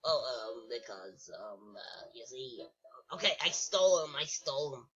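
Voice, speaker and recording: A woman's voice: rumbling low, lively intonation, moderate pace, fairly bright tone, voice pushed down. A woman voicing a nervous, sneaky bunny that stammers and hesitates. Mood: sheepish. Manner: hesitant, stammering, full of ums. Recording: muffled lo-fi recording.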